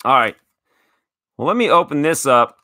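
A man in his thirties hosts a casual card-opening chat, gushing with thanks and tripping over his words as he restarts sentences. His voice is bright and forward. The sound is dry and close, with no room echo. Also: mid-range voice, expressive, normal speed. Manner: enthusiastic, grateful, stammering restarts. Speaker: card collecting show host.

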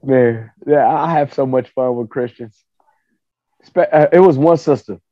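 On dull lo-fi podcast audio, dry and free of room sound, a man with a medium-pitched voice talks at a moderate pace. As a panelist in a casual chat, he argues by storytelling, playing both parts of a back-and-forth conversation with animated energy.

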